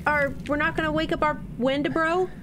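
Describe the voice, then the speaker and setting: A woman's voice: high voice, steady tone, a little fast. A woman in her thirties giving casual, jumpy, exclamatory commentary as co-host of a horror game playthrough on a headset mic. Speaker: gaming co-host. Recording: loud game noise behind voice.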